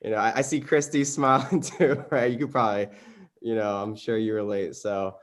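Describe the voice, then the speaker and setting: A man hosting a group video call, affirming his guests and asking questions in a relaxed way with plenty of fillers. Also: lowish voice, normal speed. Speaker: host.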